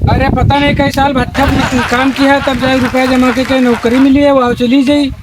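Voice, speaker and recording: Man playing high-voiced reluctant village cop, Awadhi accent. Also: flat delivery, normal speed, very noisy. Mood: reluctant, fretful. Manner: dismissive, excuse-making. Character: reluctant, fretful village police officer, male. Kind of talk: village comedy skit acting.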